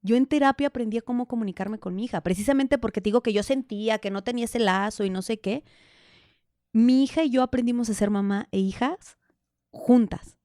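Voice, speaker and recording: A woman, a podcast guest telling candid personal stories in an animated way, acting out the dialogue. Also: fairly high pitch, fairly quick, no room sound, studio quality. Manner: animated, laughs often, acts out quoted dialogue. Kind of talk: candid conversational storytelling.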